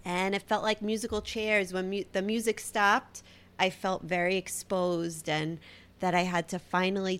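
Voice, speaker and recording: A woman in her thirties with a Brooklyn accent talks alone into the mic as a podcast host. Her voice sits at an ordinary middle pitch. She chats loosely and pokes fun at herself. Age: 30s. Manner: chatty and self-deprecating. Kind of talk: casual solo podcast talk.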